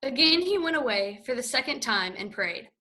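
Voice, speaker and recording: Woman, scripture narrator, bright voice, higher pitch, steady delivery. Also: normal speed.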